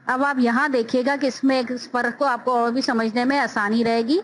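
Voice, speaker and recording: A woman's voice: a little high, steady tone, moderate pace, a little hiss or hum, low-quality recording. A woman teaching a phonics lesson, drawing out each syllable with careful enunciation.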